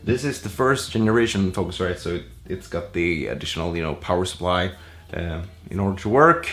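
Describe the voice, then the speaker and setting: Low-voiced man rambling through a Q&A. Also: fairly quick. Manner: relaxed, rambling with many fillers. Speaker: musician answering viewer questions. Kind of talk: casual Q&A vlog.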